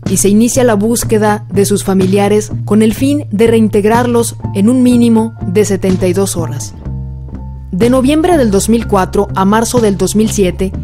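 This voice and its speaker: A woman reading a documentary's scripted narration in an even, formal manner, with facts and figures. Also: mid-range voice. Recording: voice-over with faint music behind.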